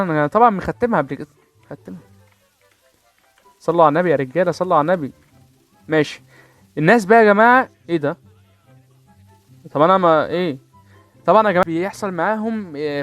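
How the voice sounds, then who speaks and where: A man's voice: a little high, no echo. A man with an Egyptian accent giving casual, playful gameplay commentary, joking with his viewers and mouthing gunfire sounds. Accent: Egyptian Arabic. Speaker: gaming channel host.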